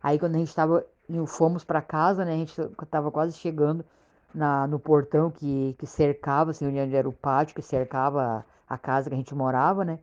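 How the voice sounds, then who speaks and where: A woman with a Southern Brazilian accent from Rio Grande do Sul, telling a frightening personal story in a halting, repetitive way, often checking in with her listener. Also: sits low, flat delivery, darkish tone. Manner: halting, repetitive, keeps asking "sabe?". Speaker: storyteller recounting a frightening experience. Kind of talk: casual spoken personal account. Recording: dull lo-fi recording.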